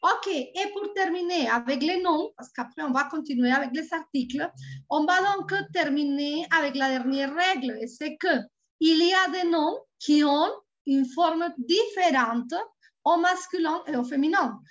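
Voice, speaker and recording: A woman with a Colombian Spanish accent, a native Spanish speaker, tutoring French over a video call. She repeats words slowly and patiently. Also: sits high. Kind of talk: online language lesson. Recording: dull lo-fi online call audio.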